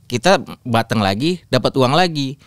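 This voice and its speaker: A man with a smooth, resonant voice explains amateur-league football in a dry studio setting. He speaks emphatically, pushing harder when he complains about the bosses. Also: expressive, normal speed, dry recording. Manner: emphatic, gets louder and higher when complaining. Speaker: amateur league team organizer guest. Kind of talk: casual podcast storytelling.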